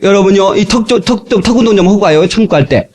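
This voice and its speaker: A man preaching a sermon as pastor, playful and animated, with sudden loud exclamations, from an old cassette recording. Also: high-pitched, fast talker. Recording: old tape transfer.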